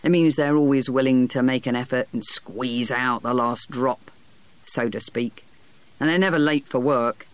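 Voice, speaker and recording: A man voicing Sir Harry, a hearty, coarse-spoken older self-made boss with a blunt, gruff manner. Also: medium pitch, normal speed, no echo, lightly acted. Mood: matter-of-fact.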